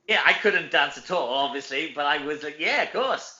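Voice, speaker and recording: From Wales, an actor and comedy performer gives a chatty interview in a slightly high, bright, forceful voice that is expressive and moderately paced. He tells self-deprecating anecdotes and frequently ends sentences with "you know." The audio has a roomy echo and dull lo-fi quality.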